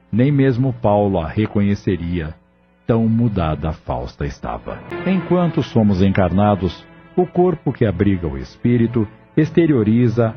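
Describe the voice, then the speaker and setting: A Brazilian man with a fairly low-pitched voice reads scripted narration for an audio drama. The lo-fi, band-limited recording has a music bed running underneath.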